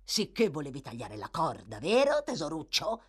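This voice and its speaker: A woman's voice: deep voice, very animated, measured pace, voice pushed down, full character voice. A woman voicing a cunning old male villain, sly and wheedling, sometimes snarling.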